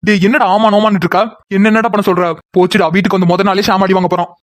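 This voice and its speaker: Man, high voice, fast, bantering cartoon voices, dry close mic. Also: fairly even intonation, no room sound. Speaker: voice artist doing several male cartoon characters. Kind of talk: Tamil cartoon voice acting.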